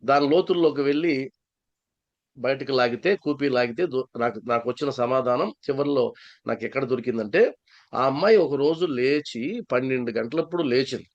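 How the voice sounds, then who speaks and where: A man's voice: medium pitch, normal speed, dull audio. A man from Andhra Pradesh, a spiritual speaker and psychologist, telling a story in a satsang talk and repeating key phrases for stress.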